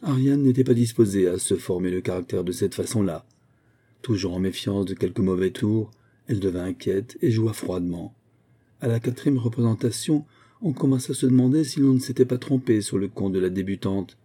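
A man reading a classic novel aloud in measured audiobook narration. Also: lowish voice, warm tone, slightly rough.

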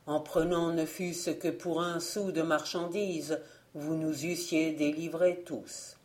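Woman reader as a slow, regretful phantom merchant, low and mellow. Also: fairly even intonation. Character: sorrowful merchant from a drowned enchanted city.

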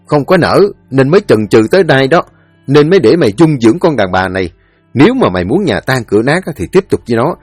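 A man's voice: mid-range voice, very animated, fast talker, husky, dry recording, soft background music, voice pushed up. A man voicing an angry old father who disowns his son in a spoken story. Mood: angry scolding. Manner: harsh, scolding. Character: stern angry old father, Ông Bảy.

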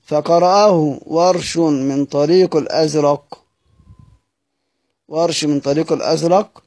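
A man's voice: fairly high pitch, mellow, dry recording. A man with an Egyptian Arabic accent, teaching a classroom lesson on recitation; he repeats his questions to the students and draws out words as he recites. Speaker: teacher of Quranic readings.

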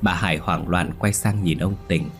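A man narrating a horror story in a steady, dramatic storytelling voice. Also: low voice, normal speed. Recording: soft music bed.

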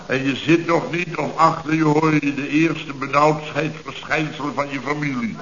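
Slightly high and steady in tone, a man's voice plays a self-pitying, blustering middle-aged building contractor for a 1970s Dutch radio comedy, using a Netherlands accent. Indignant and exasperated, he tells his story forcefully in short, halting bursts, preserved on a muffled old radio recording.

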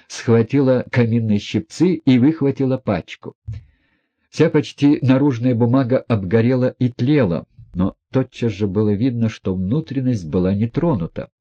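A man narrating a classic novel as an audiobook in a dramatic, animated reading. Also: mid-range voice, highs cut off. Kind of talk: expressive literary narration.

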